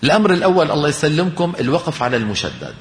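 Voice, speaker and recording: A man teaching Quran recitation, his fairly high voice ringing with a long echo as if in a large hall. He quizzes his listeners, answers each question himself, and draws out the verses he uses as examples in a slow chant. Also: huge pitch swings. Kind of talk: recitation lesson.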